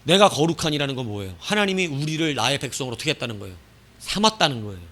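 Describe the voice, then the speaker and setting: A man preaching a sermon as pastor. He asks the congregation questions and answers them himself, and his loud bursts fall away into quiet phrase endings. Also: mid-range voice, big pitch swings, rapid-fire.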